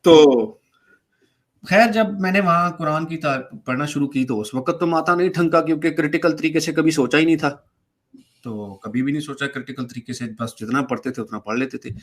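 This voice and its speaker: A man speaking as a guest, casually recounting his own story and re-enacting the conversations in it. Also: fairly high pitch. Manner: animated, re-enacts dialogue while recounting events. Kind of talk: casual spoken storytelling in a debate stream.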